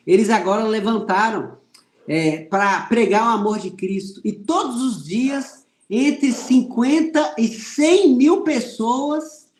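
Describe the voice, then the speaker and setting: This religious teacher, a Brazilian man with a Brazilian Portuguese accent, has a very high yet darkish voice captured in a roomy space. Teaching a Bible class online, he recounts his own testimony and earnestly calls his listeners "irmãos."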